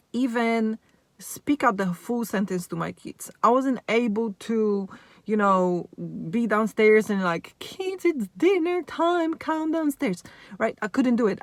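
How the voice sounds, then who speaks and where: A woman vlogger speaking slowly and thoughtfully about her own life, often pausing on "like, you know" and asking "right?". The recording is dry and close, with no room sound around her voice. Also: mid-range voice, no echo. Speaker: vlogger and mother of four. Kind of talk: casual reflective monologue.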